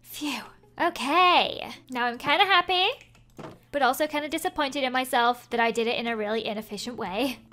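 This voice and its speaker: A woman's voice: high voice, moderate pace, pushed and bright. A woman hosting a gaming video with casual commentary, thinking aloud in a chirpy, exclamatory way into a close microphone.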